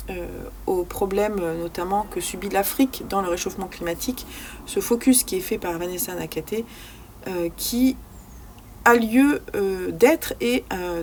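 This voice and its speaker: Medium in pitch and a little mellow, this woman's voice carries her casual vlog chat about books she's read, with slight background noise. She talks freely, pausing on fillers and reworking sentences as she looks for words.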